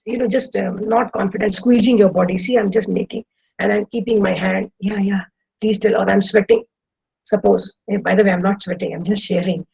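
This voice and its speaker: A middle-aged woman with an Indian English accent gives an enthusiastic webinar talk to students over a video call as a guest speaker. Her mid-range voice is gravelly, and the recording is rough. She lectures in a lively way, adding demonstrations.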